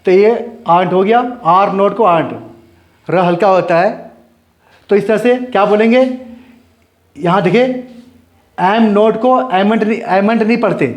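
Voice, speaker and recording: A man's voice: sits high, a little mellow. A man teaching an English grammar lesson, explaining step by step and answering his own questions. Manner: spells out letters slowly and repeats words.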